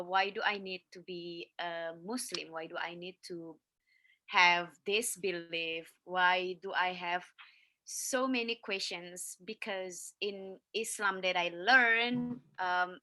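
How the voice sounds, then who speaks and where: A woman speaking on a virtual panel halts often, using many fillers and starting sentences over as she goes slowly. Her bright, medium-pitched voice comes through dry and close like video-call audio, with no echo.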